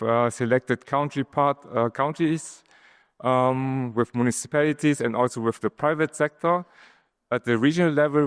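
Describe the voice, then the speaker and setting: A man giving a formal podium speech as a conference panelist, in measured but hesitant phrasing. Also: medium pitch, clear, resonant tone. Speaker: panelist, project advisor giving a presentation. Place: large conference hall. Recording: long hall reverb from PA.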